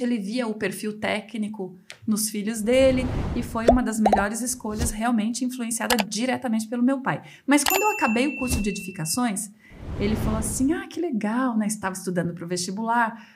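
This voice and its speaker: A woman with a slightly high voice speaks as a podcast guest. She tells her stories in a lively, conversational way and slips into other people's voices when she quotes them. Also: slight background noise. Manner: lively storyteller who acts out quoted dialogue. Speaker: civil engineer guest. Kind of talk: casual interview storytelling.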